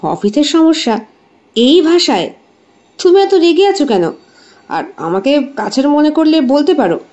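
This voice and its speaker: A woman's voice: high voice, sing-song, a little slow, darkish tone, voice pushed up. Woman doing a devoted young doctor guy, earnest and soothing, muffled lo-fi audio. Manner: earnest and reassuring. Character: young man, caring doctor, devoted suitor. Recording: dull lo-fi recording.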